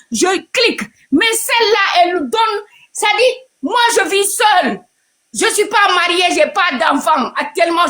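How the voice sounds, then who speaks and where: A woman with a high voice rants into her phone during a live stream, out of breath and worked up. She keeps repeating rallying calls in a pleading, impassioned way. The phone mic keeps the sound close and direct. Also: fairly bright tone. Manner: pleading, fired-up, repetitive rallying.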